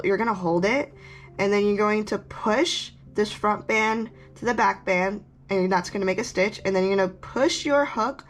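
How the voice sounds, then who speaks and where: A woman casually talking through a craft tutorial step by step, rambling and correcting herself, chewing gum as she talks. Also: medium pitch. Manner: chatty, rambling, self-correcting asides.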